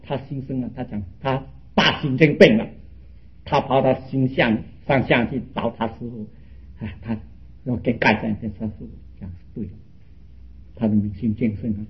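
A man's voice: mid-range voice, fairly even intonation, moderate pace, pauses often, highs cut off. A man teaching Buddhism in a dharma talk, telling stories animatedly and pressing his listeners with rising, emphatic questions.

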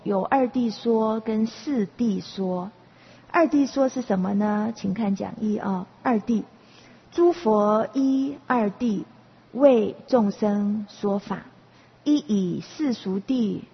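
A woman's voice: mid-range voice, vocal fry, husky. A woman teaching a Buddhist class, explaining patiently and repeating herself, with many checking questions to the students. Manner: patient, explaining with frequent rhetorical questions and repetitions. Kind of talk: dharma class lecture. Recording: reverberant, muffled lo-fi recording.

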